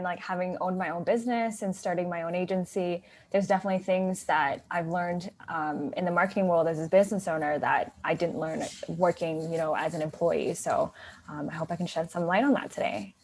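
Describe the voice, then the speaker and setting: Thirties woman guest, low-ish voice, chatty, says like and you know a lot. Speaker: guest, growth consultant. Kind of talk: casual interview chat.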